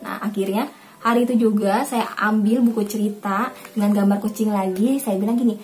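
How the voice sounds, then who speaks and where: Over soft background music, a young Indonesian mother speaks fairly quickly at medium pitch with a steady tone. Hosting a casual home tutorial for her parenting channel, she warmly repeats herself and addresses viewers as Mams.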